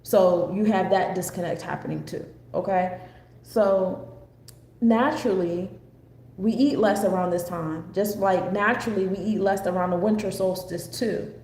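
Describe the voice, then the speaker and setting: In an unhurried, slightly mellow voice of medium pitch, an American woman talks through an astrology forecast. She goes off script, rambling and digressing in a conversational way. Faint background noise and room echo are audible.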